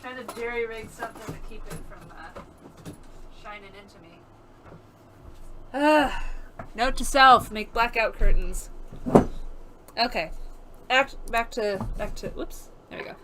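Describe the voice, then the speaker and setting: A woman's voice: a little high, background noise. Chatty, rambling woman streamer. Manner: chatty, rambling, quick to laugh. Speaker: gaming streamer. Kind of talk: casual let's-play commentary. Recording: game music playing behind.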